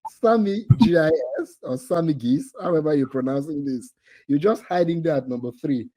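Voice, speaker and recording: A man's voice: a little high, expressive, moderate pace, dark tone, rough recording. A man hosting a live online quiz for a training cohort over a video call, teasing the players and laughing often.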